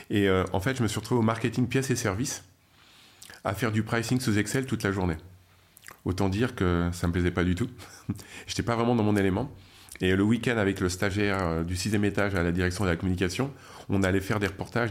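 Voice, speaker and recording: A middle-aged man from France, a guest telling his career story in a chatty way, with many fillers and restarts. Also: lowish voice. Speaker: guest, media founder. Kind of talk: interview storytelling.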